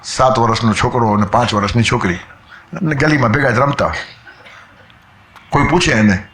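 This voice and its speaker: A man's voice: mid-range voice, moderate pace, a bit bright, reverberant, slight background noise. A man giving a spiritual discourse, telling stories, quoting verses and acting out voices. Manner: storytelling, quotes verses, acts out voices. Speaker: spiritual speaker.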